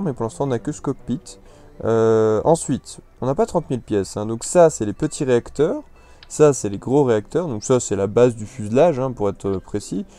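Rambling French gamer with a mellow voice. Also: male voice, mid-range voice. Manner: rambling and hesitant, many fillers and restarts. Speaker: gameplay commentator. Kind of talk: casual let's-play commentary. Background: soft background music.

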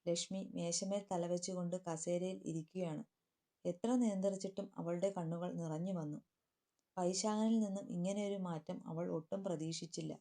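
A woman's voice: fairly low pitch, steady tone, normal speed, mellow. A woman narrating a family story, voicing each character's lines herself. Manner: reads all characters' lines in her own voice, lifting slightly for quotes.

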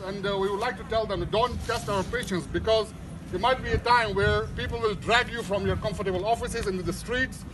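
A middle-aged man with a high voice delivers a political speech at an outdoor rally. He is emphatic and somewhat halting, hammering home repeated phrases. Noticeable urban noise surrounds him, picked up by a camera a few metres away. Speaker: union branch activist, rally speaker. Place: outdoors on steps of a large stone building. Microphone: camera or phone a few metres away. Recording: outdoor street noise, handheld camera recording.

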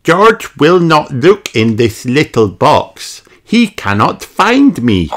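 A woman voicing an excited, playful little girl pig from a children's storybook in a singsong, childlike way. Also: low voice, slow pace, faint music behind, voice pushed up, exaggerated voice. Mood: confident, sneaky.

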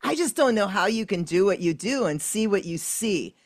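A woman's voice: mid-range voice, animated, moderate pace, no echo, studio quality. A woman hosting an interview, chatting casually and telling her own pet anecdotes with fillers. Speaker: interview host.

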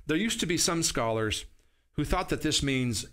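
The sermon comes from a man in his forties whose voice sits a little high, sounds expressive and a bit bright, and runs at normal speed. Seated at a table in a small wooden-walled studio and shot from medium distance, the pastor explains each verse in an earnest teaching tone, pausing at times to confirm his listeners are with him.

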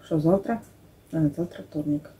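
Poor audio from a camera across the table captures a middle-aged woman's deep, dark voice at normal speed. A vlog co-host and house cleaner, she's casually chatting with a close friend in a small wood-panelled living room, playfully peppering her stories with sound effects and invented words.

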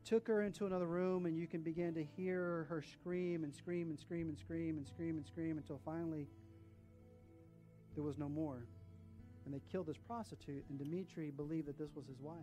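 Fairly high-voiced male pastor telling a story. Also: moderate pace, soft background music. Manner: animated storyteller, drops to hushed tones at solemn moments. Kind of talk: sermon storytelling.

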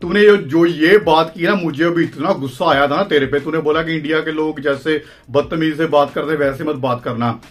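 A man's voice: fairly high pitch, brisk, few pauses. A young Indian man hosting a phone-call vlog, brash, taunting and impatient, with an Indian accent. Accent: Indian Hindi. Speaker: wrestling channel host.

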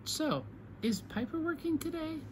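Playful high-voiced woman, noisy home recording. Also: animated, moderate pace. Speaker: play partner voicing a toy pet. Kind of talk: casual improvised pretend play. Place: indoors at home.

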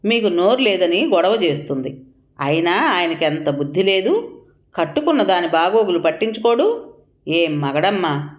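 A woman's voice: fairly low pitch, lively intonation, moderate pace, close to an everyday voice. A woman doing a bitter old milkman. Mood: indignant. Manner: bitter, indignant.

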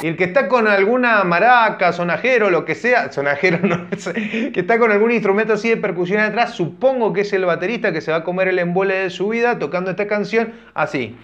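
A man's voice: high-pitched, a little fast, a bit bright, muffled recording. A young man, chatting casually as he reacts to a concert clip and thinking aloud with fillers and restarts. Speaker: reaction video host. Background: music from the video.

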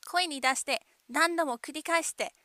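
Bright-voiced woman teaching pronunciation. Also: high-pitched, no echo, clean studio sound. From California. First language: English. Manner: patient, demonstrates phrases slowly. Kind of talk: explaining pronunciation in Japanese.

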